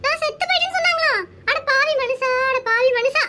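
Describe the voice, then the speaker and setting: A squeaky, very high-pitched cartoon housewife, voiced by a woman scolds. She nags sharply and quickly, shrill from start to finish. It is a village family comedy cartoon. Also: animated, fairly bright tone. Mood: scolding. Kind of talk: animated cartoon dialogue.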